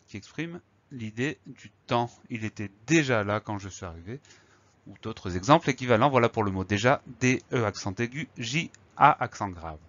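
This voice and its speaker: A man's voice: fairly low pitch, a bit bright, muffled recording. A man teaching a spelling lesson, patiently spelling words out letter by letter.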